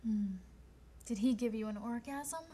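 A woman's voice: on the high side, unhurried, dark tone. An actress playing a ditzy, tactless young woman who rambles in an airheaded way, on a studio set. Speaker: actor. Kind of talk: sitcom acting.

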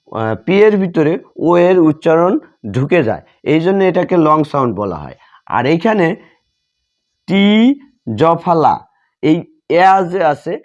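Slow-spelling male teacher, muffled sound. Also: fairly high pitch, a little mellow. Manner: slow, spells letters out one by one. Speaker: English teacher. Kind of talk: classroom lesson. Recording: dull lo-fi sound.

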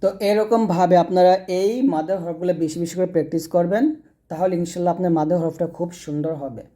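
A man from Bangladesh teaching Quran reading, spelling out letters and vowel marks slowly in drills before speaking more quickly to his viewers. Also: high voice, fairly even intonation, warm tone. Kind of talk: slow drilled recitation lesson.

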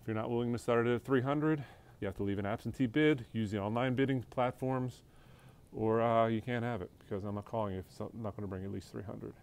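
A man from the auction house moves through a large indoor showroom filled with furniture, giving a casual preview and offhandedly listing furniture and lots along the way. His mid-range voice is steady, quick, creaky, and somewhat dark. A handheld phone camera captures the walkthrough with him off screen.

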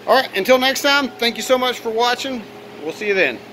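A man giving a casual vlog walkaround in a workshop, raising his voice to talk loudly over a fan. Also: very high-pitched, a little fast, rough recording. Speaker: auto detailer presenting own work. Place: garage workshop, indoors. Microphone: handheld phone camera, operator behind it. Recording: steady fan noise in workshop. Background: running fan.

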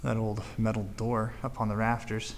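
Recorded on a handheld camera whose mic catches clear background noise, an urban explorer talks his way outdoors and through a derelict barn-like building. He stays calm and matter-of-fact, pausing with fillers, his pitch fairly low.

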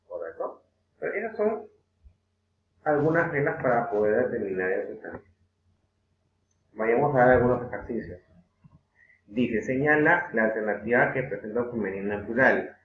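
A man with a Peruvian Spanish accent teaching an online grammar lesson, patient, repeating words slowly with frequent "eh" fillers. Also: medium pitch, animated, slight background noise. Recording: echoey room over a tinny phone-like line.

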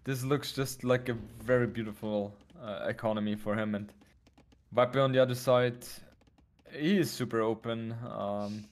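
A man co-casting a strategy game tournament he hosts, speaking in a calm, low-key way with short agreements. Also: moderate pace. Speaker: tournament host and co-caster. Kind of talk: esports commentary.

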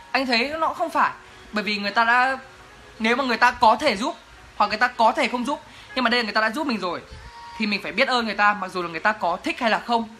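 A young male vlogger with a high, sharp voice chats playfully to camera in a casual Q&A, joking and laughing as he goes.

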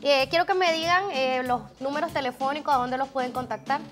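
A woman's voice: high-pitched, fairly even intonation, a little fast, faint music behind. A Nicaraguan woman hosting a studio entertainment interview, chatty and upbeat. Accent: Nicaraguan Spanish. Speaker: TV show host. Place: TV studio set.

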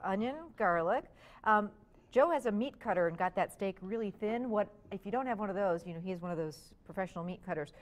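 A woman's voice: medium pitch, fairly quick. A woman in her forties hosting a TV cooking segment, chatty and encouraging as she talks with her guest. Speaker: TV show host. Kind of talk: casual cooking demo chat. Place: TV studio kitchen set.

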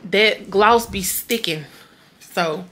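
Speaking slowly in a medium-pitched, slightly bright voice, a young woman does a casual vlog chat to the camera at home at night. She is tired and rambling, frequently trailing off to herself and addressing her dog. There is slight background noise.

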